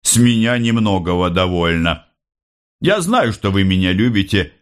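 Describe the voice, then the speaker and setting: A man voicing a gentle older mother worn by hardship, speaking in a raised, pleading and emotional tone. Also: very animated, moderate pace. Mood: tender. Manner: higher, pleading, emotional delivery.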